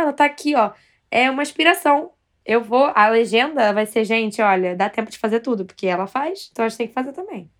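A woman's voice: fairly high pitch, fairly bright tone. A Brazilian woman co-hosting a casual podcast, telling stories in a bold, self-mocking way. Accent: Brazilian Portuguese. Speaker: podcast co-host.

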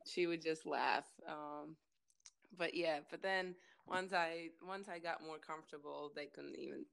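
A woman's voice: deep voice, steady tone, unhurried, vocal fry, a bit bright, clean tone. A woman from Latvia with a Latvian accent, chatting casually as an interview guest, talkative and often searching for words. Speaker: interview guest, former college basketball player.

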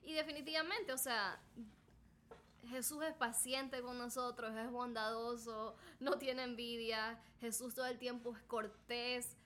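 A woman with a slightly high voice talks through Bible verses on a relaxed faith podcast. She reads slowly and reflects, with a playful teasing streak. A faint hiss sits under the recording. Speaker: co-host. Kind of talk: casual faith podcast chat.

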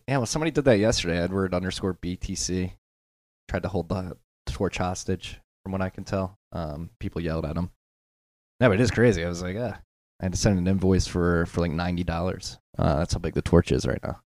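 A man with a very deep voice and a gravelly, fry-heavy texture. He talks as a podcast guest in a loose, unscripted way. He often hesitates and downplays what he knows, and the dry, close sound has no room echo. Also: a little fast, a little mellow. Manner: hesitant, self-deprecating, many fillers. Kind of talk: casual podcast conversation.

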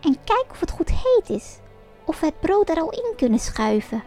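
A woman voicing a wicked, scheming old witch in a storybook reading, with a shrill, strained, airy voice and a sly, mocking manner. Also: big pitch swings, moderate pace, warm tone, soft background music, exaggerated voice. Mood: wheedling. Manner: sly and mocking, barking orders.

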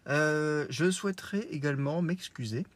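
A man's voice: a little high, normal speed. A man with a Lorraine accent hosting a casual solo podcast, rambling with lots of fillers and self-corrections, teasing himself, recorded on a smartwatch microphone while driving. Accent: Lorraine French. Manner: self-deprecating. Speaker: podcast host.

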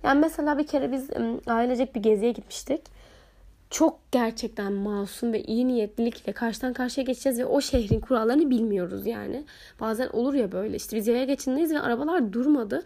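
A young woman with a hoarse voice, hosting a podcast and telling everyday stories in an expressive, chatty way. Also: fairly high pitch, brisk. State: hoarse, recovering. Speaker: podcast host. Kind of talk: casual solo podcast talk.

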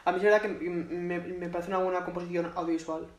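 A man with a Spain Spanish accent co-hosts a podcast, chatting casually about a film in a high, flat voice at a quick pace. He swears freely and keeps adding "¿no?" as a tag question, and the room sounds echoey.

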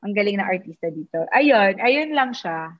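A woman's voice: medium pitch, lively intonation, moderate pace. A woman chatting casually about a TV drama, gushing and acting out the lines she quotes. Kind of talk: casual chat reviewing a TV drama. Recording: dull lo-fi sound.

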